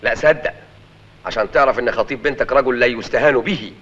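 A man's voice: mid-range voice, fast, fairly bright tone, close to an everyday voice. A man playing a boastful, bumbling middle-aged insurance salesman with an Egyptian accent in a film comedy. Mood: pleased. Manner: stammers when flustered, jokey and boastful. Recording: dull, noisy old film soundtrack.

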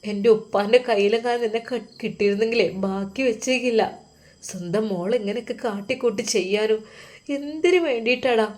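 A woman's voice: a little high, fairly quick, darkish tone, natural voice. A woman voicing a bitter, accusing older brother. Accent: Malappuram Malayalam. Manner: accusing, bitter, pressing questions.

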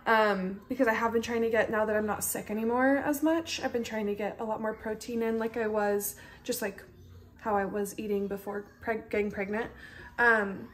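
A young pregnant woman, a vlogger and stay-at-home mom, talks casually to her phone camera held at arm's length. Her voice sits on the high side with a steady tone and normal speed, and she sounds tired, using lots of fillers. She's indoors in a large, bright home kitchen and living room.

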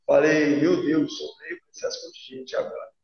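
A man's voice: fairly high pitch, sing-song, normal speed, gravelly, far from the mic. A man telling a personal story on a live video call, his audio choppy and breaking up as he hesitates and restarts. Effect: choppy breaking-up internet audio. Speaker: guest speaker on a live stream. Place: indoor room. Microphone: computer mic on a video call. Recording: muffled echoey room over a choppy call.

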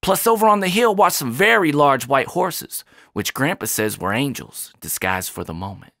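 Lively rhythmic spoken word man. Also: mid-range voice, normal speed, creaky, no room sound, clean studio sound. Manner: rhythmic, expressive rise and fall, emphatic line endings. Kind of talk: rhymed spoken word poem. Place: small bright home studio, indoors. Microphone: studio condenser mic on stand.

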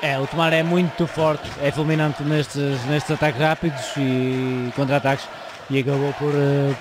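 A man's voice: on the high side, little pitch movement, moderate pace. A man with a European Portuguese accent giving live sports analysis as co-commentator, hesitating and repeating words as he explains. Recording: loud crowd noise in sports hall. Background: crowd and arena noise.

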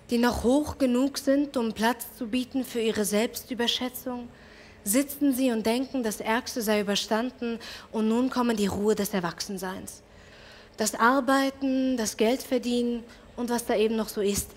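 A woman's voice: on the high side, normal speed. A woman from Iran performing spoken word poetry, with rhythmic, repeated rhetorical questions. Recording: loud music behind the voice.

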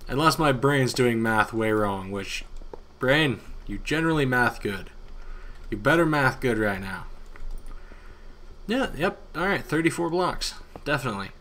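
A man giving casual, excitable commentary over his own gameplay, yawning and talking to himself. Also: medium pitch, a little slow. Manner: chatty and excitable, talks to himself, hums along. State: sleepy, yawning. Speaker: gaming YouTuber.

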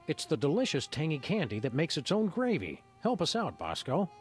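An actor playing an easygoing cartoon dog detective in a comedy game, folksy, wordy and deadpan. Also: male voice, on the high side, normal speed. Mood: wry. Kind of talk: animated comedy adventure game dialogue. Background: music.

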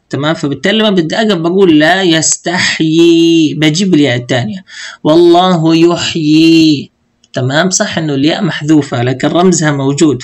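A man teaching recitation rules in casual colloquial speech, slowly drawing out the verses he quotes. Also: on the high side. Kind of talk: tajweed lesson explanation.

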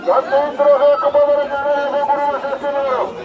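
A man's voice: very high-pitched, normal speed. A man, a police officer, reading a stern official warning through a megaphone on a city street. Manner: stern, flat official announcement. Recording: muffled megaphone over loud crowd and street noise.

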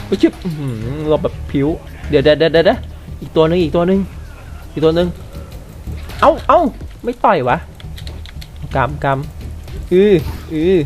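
In a high but darkish voice, a gamer provides live let's play commentary, exclaiming and cursing at whatever happens on screen.

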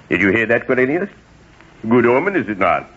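A man's voice: mid-range voice, a bit bright, husky, exaggerated voice. Theatrical, scheming King Herod, swooping voice. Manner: theatrical, probing, sinister chuckling. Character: paranoid, scheming, cruel biblical tyrant king. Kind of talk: 1940s radio drama acting. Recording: dull 1940s radio recording.

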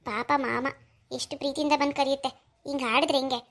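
A woman voicing a gentle young village daughter in a cartoon. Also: high voice, steady tone, fast talker. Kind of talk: cartoon voice acting.

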